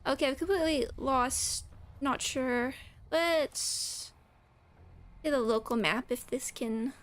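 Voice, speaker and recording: High-voiced woman gamer thinking aloud. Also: takes it slowly, a bit bright. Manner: musing aloud in short fragments. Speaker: gamer commenting on her own playthrough. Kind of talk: casual let's play commentary.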